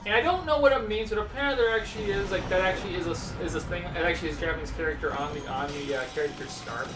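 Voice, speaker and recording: A man's voice: high-pitched, racing, music in the background. A man playing and casually commentating on a game, rambling and repeating his words. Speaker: player and gaming commentator. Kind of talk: casual let's play commentary. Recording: echoey room, distant mic, noisy.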